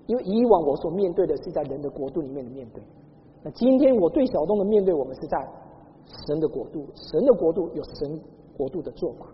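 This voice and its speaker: A woman pastor from Taiwan delivers a sermon, telling stories and asking the congregation to answer back. Her pitch rises and falls with a lot of life. The sound is dull and carries a long echo from a large hall. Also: fast, a little hiss or hum. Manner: lively storytelling with call-and-response to the congregation. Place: church hall.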